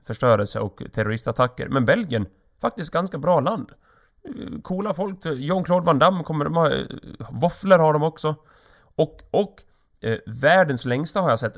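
A man hosts his own podcast alone, with a mid-pitched voice that sits in the usual range. He rambles from one thought to the next in an offhand way. His humor is crude and loose. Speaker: podcast host. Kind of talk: solo comedic podcast monologue.

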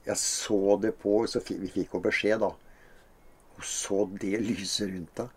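Woman podcast host, dark soft voice, lots of mhm and ja, thinks out loud. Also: a bass voice, fairly even intonation, slightly rough. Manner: frequent murmured agreement, hesitant musing with fillers. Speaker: podcast host who reads listener questions. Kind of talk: casual podcast chat.

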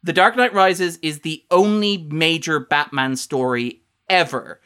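A man co-hosting a podcast, talking through a film's themes in a long, animated, fast-flowing analysis. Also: a little high, clean tone. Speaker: podcast co-host. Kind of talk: casual film discussion.

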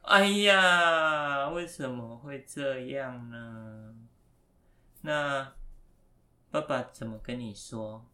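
A father telling a story to his young child, asking gentle, patient questions along the way. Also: mid-range voice, slow, pauses often.

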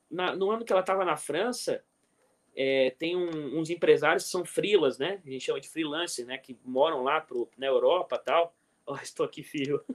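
Speaking a little high, this middle-aged Brazilian coach spins lively anecdotes as a guest in a relaxed interview. His Brazilian Portuguese accent comes through, and he often chuckles and asks "entendeu?" to make sure he's understood.

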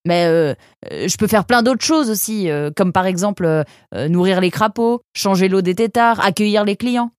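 A woman's voice: medium pitch, moderate pace, few pauses, no room sound, clean studio sound, lightly acted. A woman voicing an eager young male creature who stammers with many hesitations, in a storybook reading. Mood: eager stammering. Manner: stammering with many "euh", excitable.

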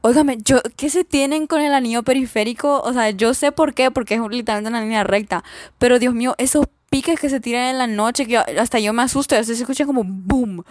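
A woman's voice: fairly high pitch, fast, no echo, clean studio sound. A young woman with a Guatemalan Spanish accent, chatting casually as a vlogger as she reads out viewer answers, rambling with lots of fillers and laughs.

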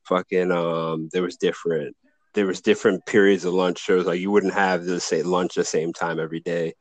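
A man's voice: deep voice, flat delivery, fairly quick, no room sound. A man hosting a podcast over a call, chatting loosely with lots of swearing. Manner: loose, profane storytelling. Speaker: podcast host. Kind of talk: casual chat.

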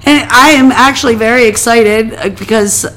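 A woman's voice: on the high side, moderate pace, fairly bright tone. A woman co-hosting a podcast in casual chat, chatty and self-mocking. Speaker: podcast co-host.

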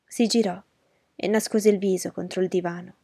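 First-person heroine narrator, woman; measured, emotional delivery, warm tone, dry studio. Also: medium pitch, steady tone, gravelly, breathy edge, no room sound.

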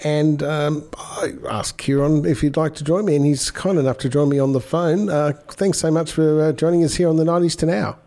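A man hosting a casual radio interview, with hesitant, halting phrasing. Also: fairly high pitch, steady tone, warm tone. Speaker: radio host.

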